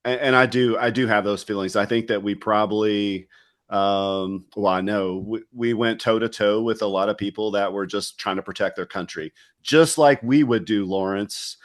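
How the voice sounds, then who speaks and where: A middle-aged man from West Virginia speaks as an interview guest, slightly low in pitch. He talks loosely and casually, full of "you know" asides. His tone is candid and reflective as he looks back on his service. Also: moderate pace. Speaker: guest, retired special forces soldier.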